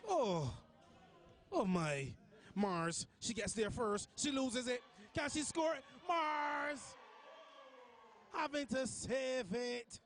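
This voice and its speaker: A man with a Barbadian accent doing live, chatty commentary on a futsal match, breaking into excited shouts at big chances. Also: high-pitched.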